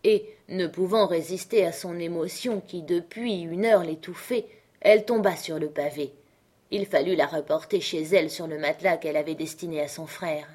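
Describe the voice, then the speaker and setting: Low-voiced woman reading a classic novel. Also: normal speed, darkish tone, slightly rough. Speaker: narrator.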